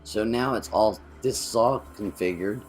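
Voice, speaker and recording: Faint music plays behind this gameplay channel co-host, whose voice sits fairly low and moves at a moderate pace. He muses out loud as he plays, often fixing his words partway through a sentence.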